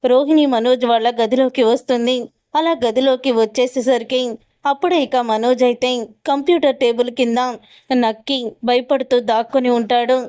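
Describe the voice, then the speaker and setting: High-voiced woman narrating a story. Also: a little mellow, clear, resonant tone. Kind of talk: retelling a TV serial plot.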